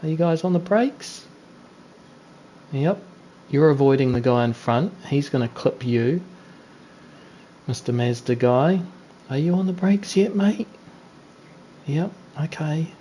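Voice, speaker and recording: A New Zealand man streams an online race on a gaming headset, chatting casually and teasing other drivers in live-stream commentary. His voice is fairly high, animated and dark in tone, yet he goes slowly with long pauses. A little hiss or hum is audible.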